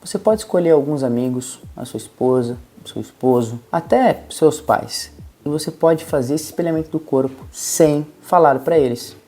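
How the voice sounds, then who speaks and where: A man's voice: on the high side, animated, normal speed, warm tone. A man with a Brazilian Portuguese accent, giving a patient, step-by-step lesson as a communication coach. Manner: patient, encouraging, explains step by step. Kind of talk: instructional talk to camera.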